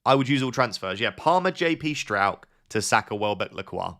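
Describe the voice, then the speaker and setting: A young man with a low, gravelly voice chats casually on a live stream. He reads viewers' messages out loud and answers them on the spot, thinking aloud as he goes with plenty of fillers and restarts. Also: very animated, moderate pace.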